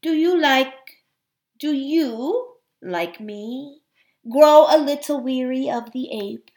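A woman voicing a sly male cat who plots in a soft, silky, purring voice. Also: high voice, expressive, slow, pitched above the performer's own voice.

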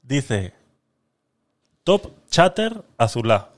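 A man's voice: medium pitch, big pitch swings, drawn-out words. A man hosting a live-stream podcast, chatting casually with viewers while he talks himself through a giveaway. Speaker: livestream podcast host.

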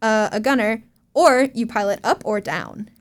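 Excitable young woman, higher voice. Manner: excitable, quick to gasp and exclaim. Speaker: podcast co-host. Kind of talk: casual chat.

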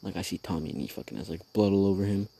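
A man's voice: low voice, very fast, vocal fry, mellow, slightly rough. A man hosting his own show, telling a rambling, profane story in casual slang while sitting outdoors at night. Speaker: podcast host.

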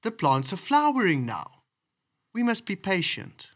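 A man's voice: sits high, huge pitch swings, a little slow, a bit bright, pitched above the performer's own voice, exaggerated voice. A man doing a sly, wheedling trickster rabbit. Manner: cheeky, wheedling.

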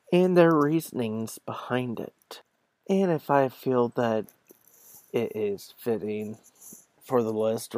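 A man hosts a podcast on his own, talking informally and partly reading from an article in a conversational way. His medium-pitched voice is creaky with a darkish tone, and there's no room sound.

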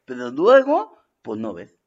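A man playing a boastful, rambling old male vampire in an improvised comedy sketch, giggling and slipping into squeaky shouts. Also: wildly swooping pitch, unhurried, lo-fi sound. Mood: cheeky. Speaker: comic guest in character.

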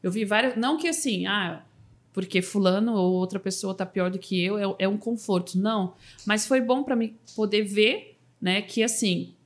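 Speaking at normal speed with a mid-range voice, a woman who works as a motivational speaker shares a personal story during a laid-back podcast interview. Her telling is emotional, with restarts and fillers like "sabe assim."

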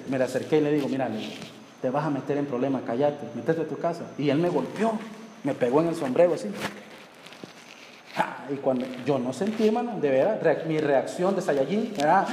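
Brief: male pastor, emphatic drawn-out sermon, long hall reverb, faint room noise. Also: on the high side, warm tone. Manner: emphatic, drawn-out preaching with colloquial asides.

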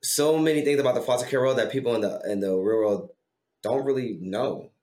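A man's voice: mid-range voice, brisk, darkish tone. A young adult man, a podcast guest, talking earnestly and encouragingly about faith and foster care. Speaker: guest, former foster youth. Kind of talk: casual podcast conversation. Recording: roomy echo.

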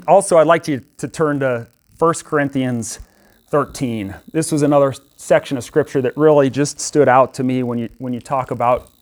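A young adult man giving an informal sermon in a conversational, storytelling way, with frequent restarts. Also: mid-range voice. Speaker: preacher.

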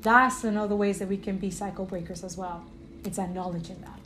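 A woman's voice: medium pitch, fairly even intonation, fairly quick. Earnest woman hosting a spiritual podcast. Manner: earnest, repetitive, often ends with "right?"; rambling with many fillers and restarts. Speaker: podcast host.

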